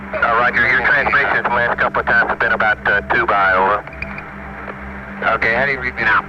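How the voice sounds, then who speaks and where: A man's voice: medium pitch, steady tone, quick pace. A man speaking in procedural, clipped phrases over a two-way radio, as a spaceflight communicator in a radio exchange. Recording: muffled, noisy 1960s space radio transmission. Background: loud radio static and hiss.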